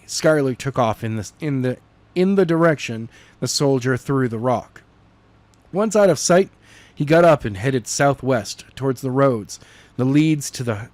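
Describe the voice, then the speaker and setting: The man reading this novel chapter has a mid-range, darkish voice, and there's no room sound. He stumbles frequently, repeating words and starting over in an unpolished narration.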